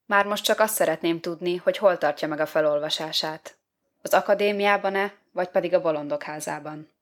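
A woman reading a short story aloud as audiobook narration, with measured, expressive storytelling. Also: lowish voice. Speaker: audiobook reader.

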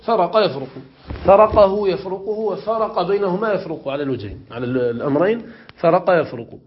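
A man teaching Arabic grammar in a classroom lesson, questioning his students and repeating examples slowly. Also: sits high, lo-fi sound, slight background noise. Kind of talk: classroom lesson explaining morphology.

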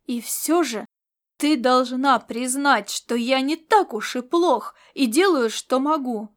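A woman's voice: high-pitched, slow pace. A woman reading an audiobook and voicing a hot-tempered male space mercenary who argues back defensively. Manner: indignant, defensive, yelling back. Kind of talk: audiobook character voice.

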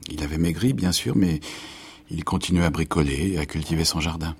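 An actor playing a tired country doctor in a radio drama. He speaks in a measured, confiding way. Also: extremely low pitch, vocal fry, husky, exaggerated voice. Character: weary middle-aged country doctor.

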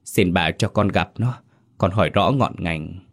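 A man's voice: deep voice, a little slow. A man doing a trembling pleading mother. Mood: desperate pleading. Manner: trembling, begging. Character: humble middle-aged mother, trembling and pleading.

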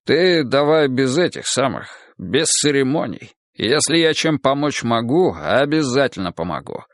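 A man's voice: big pitch swings, measured pace, dry recording, clean studio sound. A man voicing a boisterous, well-off middle-aged man who pushes his help on an old friend, in an audiobook. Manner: hearty, pushy, higher and louder than the narration.

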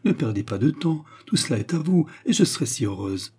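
A man voicing an anxious, pleading aristocratic lady in a storybook reading, his voice husky. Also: on the high side, big pitch swings, fairly quick, a little mellow, voice pushed up.

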